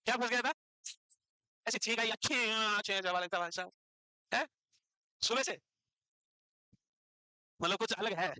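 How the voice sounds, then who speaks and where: A man lectures a classroom, teasing and scolding his students as he quizzes them. His voice sits high and rings bright and forceful. The sound is dry and close. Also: moderate pace, long pauses, no echo, poor audio. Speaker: teacher.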